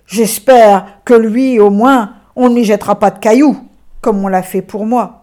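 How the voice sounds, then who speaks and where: A woman's voice: fairly high pitch, steady tone, unhurried, warm tone, close to an everyday voice. A woman voicing a humble, sad young male donkey who talks meekly and with wonder in a storybook tale. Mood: wistful. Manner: meek, wondering, self-pitying.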